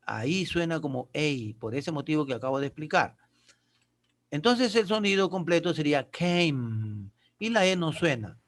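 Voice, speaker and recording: With a voice on the high side and big swings in pitch, a man teaches at a moderate pace. He's patient and explanatory, answers his own questions, and checks in briefly with listeners.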